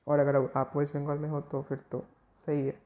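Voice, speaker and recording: A man's voice: a little high, completely flat delivery, a little fast, highs cut off. A man from West Bengal, a chemistry tutor giving casual, rambling study advice to students, with frequent restarts. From West Bengal, India.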